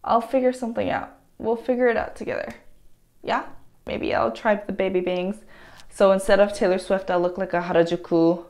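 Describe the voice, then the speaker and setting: Excitable young woman with a gravelly edge. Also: medium pitch, moderate pace. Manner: chatty and excitable, gasps and squeals in dismay; talks to herself while cutting her hair. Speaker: vlogger. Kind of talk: casual vlog talk to camera.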